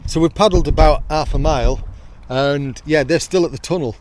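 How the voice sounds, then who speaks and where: Paddling a kayak along a canal, this British vlogger chats informally to camera as he tests out some gear, bantering with his friends. His voice sits fairly high, with a darkish tone and an ordinary pace. Water and boat noise come through clearly in the outdoor audio.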